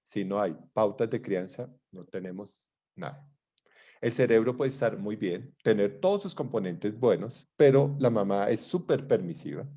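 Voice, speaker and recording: A man's voice: lowish voice, lively intonation, moderate pace, dark tone, dull audio. A middle-aged man with a Colombian accent lecturing a psychology class online in a conversational way, often checking that his students follow.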